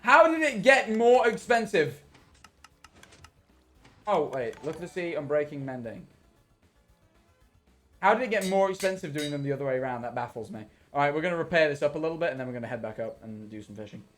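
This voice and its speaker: Young male streamer, casual chat, rambles and backtracks, slightly raised pitch. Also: lively intonation, brisk, pauses often, a bit bright, soft background music. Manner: rambling, self-correcting, swears freely. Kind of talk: casual livestream chat while gaming.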